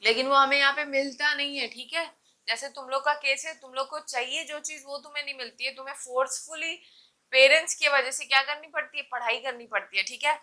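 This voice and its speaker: A woman's voice: high-pitched, steady tone, brisk, bright, forceful tone, low-quality recording. A woman teaching chemistry in a classroom-style lecture, asking rhetorical questions and answering them herself, with light teasing of her students.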